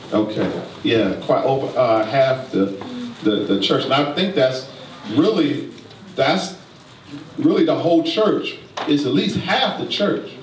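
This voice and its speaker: A man leads a church leadership talk in a preacherly tone, prompting the congregation to respond. His voice sits slightly high and comes from a distance. The church room echoes around him, with noise throughout. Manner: preacherly, slow emphatic asides, prompts the congregation. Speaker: pastor. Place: church sanctuary.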